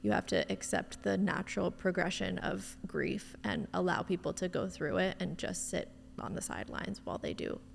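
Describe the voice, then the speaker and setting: A woman's voice: lowish voice, lively intonation, normal speed, creaky, few pauses, long reverb tail, slight background noise. A woman interviewer speaking conversationally.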